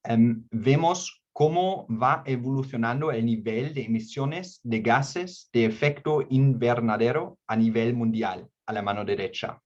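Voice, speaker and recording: A man's voice: mid-range voice, unhurried, few pauses, a little mellow. A man from Germany speaking non-native Spanish with a German accent and small slips, presenting an online workshop. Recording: dull, band-limited online call audio.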